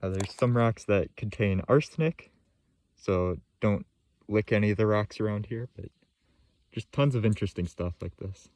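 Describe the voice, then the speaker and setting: Casting: young adult male vlogger, low laid-back voice, casual commentary, dry close sound. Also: normal speed, a little mellow, no echo. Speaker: rock hunting vlogger. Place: outdoors in a yard and rock field, or inside a parked van. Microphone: phone at arm's length.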